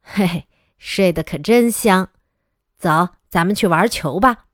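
Woman reader playing a kind storybook father: low, soft, apologetic. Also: measured pace, no echo, studio quality, lightly acted. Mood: fond. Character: gentle, busy, apologetic father.

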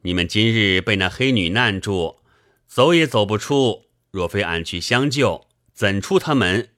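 Dude doing a loud-mouthed merchant, bragging, up and down a lot. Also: male voice, lowish voice, expressive, measured pace, no echo, clean studio sound. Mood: boastful. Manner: blunt, boastful, folksy. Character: brash middle-aged male merchant, blunt and boastful.

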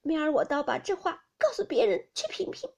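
A woman reading as a touchy young noblewoman whose voice climbs high and shrill when she scolds. The tone is breathy and husky, and it swings widely. She sounds on the verge of tears. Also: wildly swooping pitch, a little fast, darkish tone, highs cut off, full character voice. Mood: scolding. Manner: shrill, reproachful, on the edge of tears. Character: tearful sharp-tongued young noblewoman. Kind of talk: audiobook character voice.

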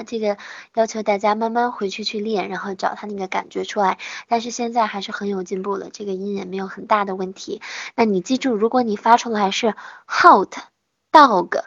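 A woman pronunciation teacher who talks her students through sounds with patience and encouragement. She slows down to model each sound clearly. Her voice sits at an ordinary pitch and comes through a dry, slightly muffled lo-fi recording. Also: no echo. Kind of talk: online pronunciation lesson.

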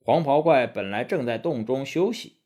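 A man narrates a classic tale as a children's storybook. His voice is husky and animated, rising and falling expressively. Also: mid-range voice, normal speed.

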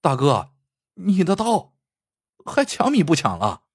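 A man's voice: a little high, huge pitch swings, slow, husky, no room sound, clean studio sound, voice pushed up, exaggerated voice. A man voicing a timid but oddly stubborn poor villager in a spoken story, pleading in a whining tone.

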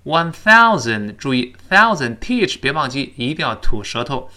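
A man teaching spoken English, explaining words and then drilling them slowly for learners to repeat. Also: mid-range voice, sing-song, bright, forceful tone.

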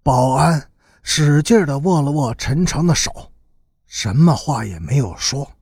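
Husky male audiobook narrator, lively swoopy delivery, dry close mic. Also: a little high, a little slow, dry recording. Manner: expressive, lively storyteller. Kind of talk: storytelling narration.

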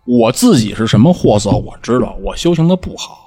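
A man with a Beijing accent tells a story in an easy chat, and his voice rises and falls a lot. He talks fast, with a slightly husky edge. He acts out the cries of the people in his story. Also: medium pitch. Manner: animated storyteller, acts out shouts. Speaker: podcast host, former lama.

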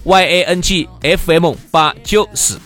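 Sichuan accent man co-hosting radio, bright high voice, joking around. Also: fairly even intonation, a little slow, faint music behind. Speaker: radio co-host. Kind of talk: bantering talk show chat.

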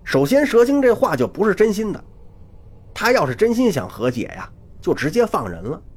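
Guy narrating a folk tale, super lively pitch, husky voice, throws in sound effects. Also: brisk. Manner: animated, dramatic, with sound effects. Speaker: storyteller. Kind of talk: traditional Chinese storytelling.

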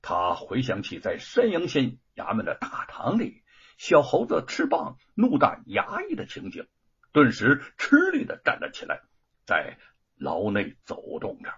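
A man's voice: medium pitch, huge pitch swings, unhurried, creaky, fairly bright tone, slightly rough. A man telling a story in a dramatic storytelling style, theatrical and swooping. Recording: dull lo-fi recording.

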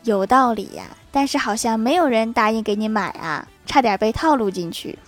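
Female comic storyteller, bright and playful, wry asides. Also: on the high side, normal speed, music in the background. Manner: lively, switches voices for quoted characters, laughing asides. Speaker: joke narrator. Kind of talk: storytelling funny anecdotes with quick asides.

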